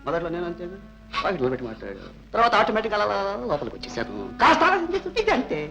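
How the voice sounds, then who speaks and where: A man playing a scornful, bullying husband in an old film, taunting and shouting down others. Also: high voice, wildly swooping pitch, very fast, gravelly, music in the background, heavily acted, rough recording. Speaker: film actor. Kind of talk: 1960s film acting.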